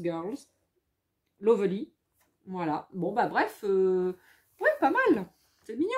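A woman chatting casually at home as she shows scrapbooking products. She thinks aloud, repeats her words and reads English labels slowly. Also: mid-range voice. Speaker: scrapbooking vlogger. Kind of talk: casual haul chat, showing products.

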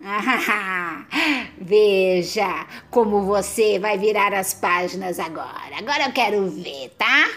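A woman's voice: animated, takes it slowly, a bit bright. A woman voicing a desperate male storybook character who melodramatically begs the reader not to turn the page. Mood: pleading. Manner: frantic, melodramatic pleading with wild pitch leaps.

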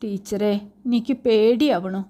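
A woman's voice: on the high side, measured pace. A woman reading a story aloud, voicing a frightened teenage schoolgirl who pleads and breaks off mid-sentence through her tears.

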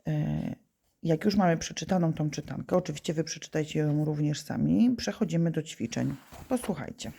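Low-voiced teacher lady, bit of fry, talks kids through exercises patiently. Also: normal speed, dark tone. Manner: patient, asks and answers her own questions. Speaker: primary school teacher. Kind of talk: remote lesson for children.

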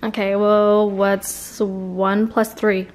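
A woman's voice: medium pitch, level tone, drawn-out words, echoey room, low-quality recording. A young woman chatting casually to camera and to her partner as a vlogger at home. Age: young adult. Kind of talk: casual prank vlog chat. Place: living room at home.

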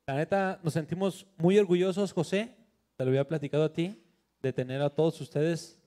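A man's voice: on the high side, steady tone, a little fast, warm tone. A man cohosting a comedy talk show, joking and laid-back as he talks.

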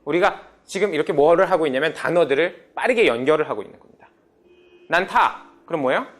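A man's voice: on the high side, lively intonation, fast talker. A man teaching a beginner English class, prompting students and drilling phrases. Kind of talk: lively classroom lecture.

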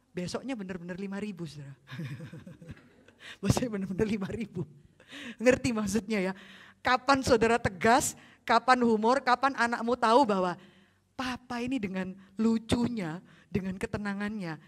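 A woman pastor with an Indonesian accent, preaching a sermon and telling family stories with lively acted-out quotes. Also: a little high, normal speed.

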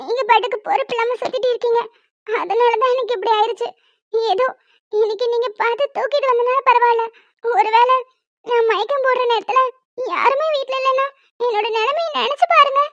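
A sly, playful young wife in a cartoon, teasing and coaxing in a cutesy tone, as a woman voices her. Her voice sits extremely high. The recording is dry and a little dull. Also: fairly even intonation, a little fast, dry recording. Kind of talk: cartoon voice dubbing.

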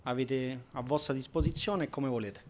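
A man in his fifties with a medium-pitched voice gives an informal press presentation as a director. There is faint room noise. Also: moderate pace. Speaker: club technical director. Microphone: table microphone.

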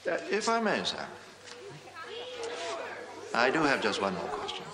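A cunning period-drama barrister who needles a witness with elaborate courtesy. His questions swing from soft politeness to loud, lively demands. A courtroom crowd murmurs behind him. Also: mid-range voice, unhurried, background noise. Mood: probing. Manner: probing, mock-polite, rising to loud demands. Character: shrewd theatrical male defense barrister. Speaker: defense barrister. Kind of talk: period film acting.

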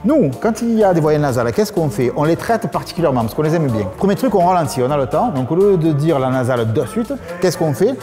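A man's voice: a little high, lively intonation, fast talker, hardly any pauses, over music. A man in his forties with a Marseille accent, giving an informal explanatory lesson in colloquial speech. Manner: colloquial, demonstrates sounds as he explains. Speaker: language teacher. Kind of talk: informal explanatory master class. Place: large café room.

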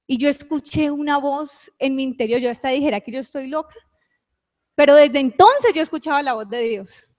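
High-voiced woman giving church testimony. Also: normal speed, darkish tone. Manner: emotional, confessional storytelling. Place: church hall. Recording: long hall reverb.

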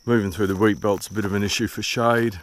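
A man's voice: on the low side, fairly even intonation, fast. A man in his sixties with a broad New Zealand accent, rambling casually to camera outdoors, laid-back and drily humorous, swearing freely. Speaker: solo bicycle touring vlogger. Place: outdoors in open bushland. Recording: outdoor noise with insects.

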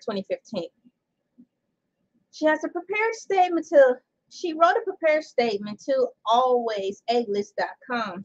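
A woman with a voice on the high side vlogs indoors under bright lights, rambling and chatting as she reads an article aloud and laughs often. The sound is lo-fi.

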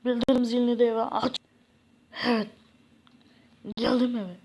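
A woman's voice: fairly high pitch, level tone, normal speed, a little mellow, natural voice. A woman voicing a poor, self-pitying young man in a game parody, sighing and complaining. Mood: gloomy complaining. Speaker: content creator. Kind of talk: game parody role-play.

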